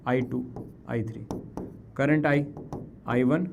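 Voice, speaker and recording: A young man teaching physics in a live online class. He talks to his students like younger siblings and reads equations out slowly. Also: mid-range voice, fairly even intonation, creaky, lo-fi sound, noisy background. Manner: talks to students as family, drops into soft apologetic tones; mixes Hindi with English formula terms, reads equations slowly.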